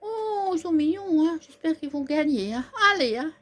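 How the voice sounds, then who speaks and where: Chatty woman with a lively high voice. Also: normal speed. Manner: chatty, giggly asides. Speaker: manga reader. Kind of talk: casual read-aloud commentary.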